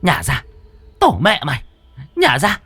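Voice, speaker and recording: A man's voice: fairly high pitch, huge pitch swings, a little slow, bright, forceful tone, slightly rough, soft background music, voice pushed up, full character voice. A man doing a fierce cursing exorcist woman. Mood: harsh commanding. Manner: barking, cursing orders. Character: fierce middle-aged woman exorcist, harsh and commanding.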